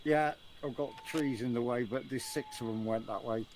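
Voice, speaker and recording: A man's voice: medium pitch, moderate pace, background noise. A man playing in a military game squad, giving casual tactical callouts to his teammates. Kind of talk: casual tactical callouts during online gameplay.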